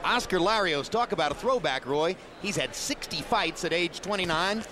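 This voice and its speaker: A man's voice: high voice, expressive, moderate pace, a crowd in the background. A man giving live play-by-play boxing commentary from ringside. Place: ringside in an arena. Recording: noisy live arena broadcast.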